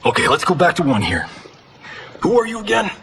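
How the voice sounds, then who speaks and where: An actor playing a cocky, flippant Hollywood action star in a video game, with a sarcastic, theatrical delivery. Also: male voice, high-pitched, huge pitch swings, fairly quick, gravelly, fairly bright tone, slight background noise, exaggerated voice. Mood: baffled. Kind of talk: cinematic video game acting.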